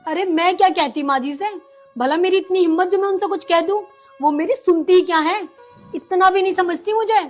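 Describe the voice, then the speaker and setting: A patient young daughter-in-law who pleads earnestly, played by an actress. Her voice is fairly high, with faint music underneath. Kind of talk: rural comedy drama acting.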